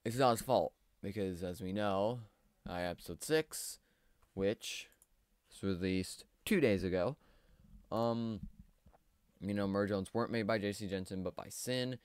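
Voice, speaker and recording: A man's voice: lowish voice, a little slow, a little mellow, clean tone, dry recording, studio quality. A man giving casual, rambling commentary on a cartoon series, hesitant and full of fillers. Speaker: video commentator.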